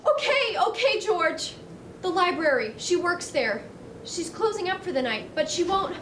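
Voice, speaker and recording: A woman playing a gentle, patient male guardian angel in an amateur stage play, coaxing and a little flustered. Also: extremely high pitch, animated, normal speed, distant mic. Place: theatre stage. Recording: echoey stage heard from afar, noisy.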